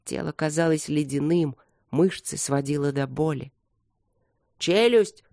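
A measured audiobook narrator reading a dark war scene in an even voice of middling pitch. The delivery slows on the grimmest moments. The recording is dry and close. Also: dry recording.

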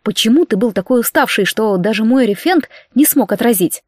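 Brief: woman reader voicing a high, cheeky twenty-year-old heroine, close dry sound. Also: lively intonation, fairly quick, darkish tone, dry recording. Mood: coaxing. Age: 20s. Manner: playful, indignant.

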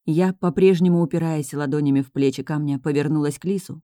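A woman reads a first-person novel aloud, voicing the story expressively. Her tone is dark and mellow, and the recording is close and dry with no room sound. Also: deep voice, fast, no room sound. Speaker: audiobook narrator. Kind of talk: first-person audiobook narration.

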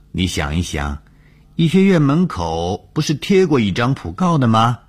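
A man voicing a scheming male doctor who coaxes a patient with feigned sincerity and many drawn-out interjections. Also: husky, full character voice. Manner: high, wheedling, drawn-out coaxing with many interjections.

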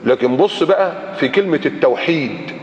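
A man's voice: fairly high pitch, animated, fairly quick. A man with an Egyptian accent giving a colloquial religious lecture, sounding out letters and acting out his examples. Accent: Egyptian Arabic. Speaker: preacher. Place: lecture hall or mosque in Qatar. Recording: echoey hall, dull lo-fi recording.

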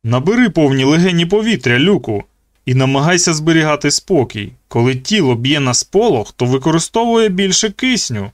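A man reads an uneasy guard who coaxes in a hushed, worried way. The recording is close and dry, with nothing behind the voice. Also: fairly high pitch, animated, brisk, no echo, natural voice. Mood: coaxing. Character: uneasy adult male guard, reluctant helper. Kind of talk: audiobook character voice.

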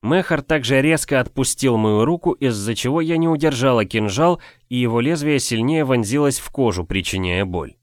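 A man narrating a first-person fantasy audiobook in a steady, measured reading. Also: medium pitch, dry recording, studio quality.

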